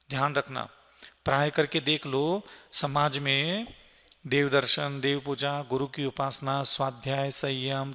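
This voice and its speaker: A man's voice: mid-range voice, sharp tone. A man, a monk, preaching to an audience in an earnest, emphatic way, using lists and rhetorical questions. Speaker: Jain monk giving a Q&A discourse. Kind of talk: sermon answering questions. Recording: long hall reverb.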